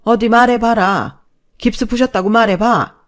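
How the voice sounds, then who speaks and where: A woman voicing a furious older mother-in-law who scolds loudly in a Korean family story. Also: a little high, normal speed, voice pushed up, close to an everyday voice. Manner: loud scolding tirade.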